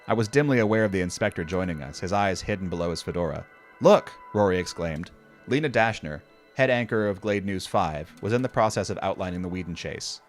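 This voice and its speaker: Deep-voiced man narrating a horror story. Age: older. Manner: wry, conversational, profane.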